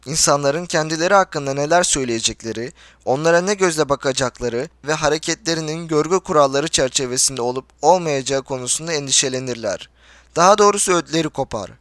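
A man narrating a literary audiobook in a measured, formal storytelling manner. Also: a little high, fairly bright tone, no echo.

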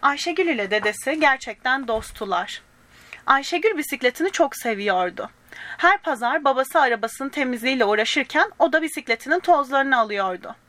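Speaking straight to young listeners, a woman gently reads a children's storybook and gives its characters small voices. She has a high-sitting voice with lively intonation, talks fairly quickly, and the recording has no echo.

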